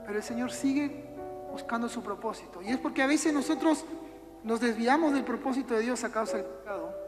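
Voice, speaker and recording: High-voiced Uruguayan woman preaching in echoey hall. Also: a little fast. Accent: Uruguayan Spanish. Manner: conversational, acts out little everyday scenes. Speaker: youth preacher. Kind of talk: casual sermon. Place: church hall, indoors. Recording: echoey hall with music behind.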